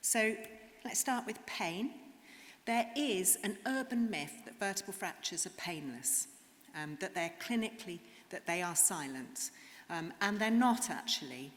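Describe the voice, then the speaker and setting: Woman speaker at a medical conference, lowish voice, earnest, stage mic in a big echoing hall. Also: lively intonation, unhurried. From England. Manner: earnest, explanatory, with frequent ums. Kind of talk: conference talk. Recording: reverberant hall, faint noise.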